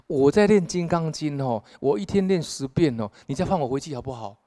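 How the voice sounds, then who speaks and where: A frightened young man, put on by a man pleads in a raised, higher voice. The sound carries a long hall reverb. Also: quick pace, natural voice. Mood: pleading.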